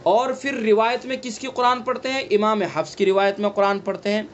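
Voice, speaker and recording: A man with a Delhi Urdu accent teaching an online Quran recitation class, explaining slowly and repeating each point, asking questions and answering them himself. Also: sits high, fairly even intonation, slight background noise. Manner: slow, repetitive teaching, asks and answers own questions. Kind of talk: online tajweed class lecture.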